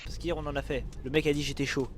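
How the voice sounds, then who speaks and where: A man's voice: fairly high pitch, very fast, over loud music. Joking teenage boy filming on a phone. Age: late teens. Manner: joking, excitable, slangy. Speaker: student vlogger. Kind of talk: casual travel vlog. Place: on the move, outdoors in a city, on a coach and in a museum. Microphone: phone held while filming.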